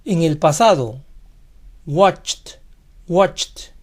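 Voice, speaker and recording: A teacher giving a scripted pronunciation lesson, speaking deliberately and saying each model word twice. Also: medium pitch, expressive. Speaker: English teacher.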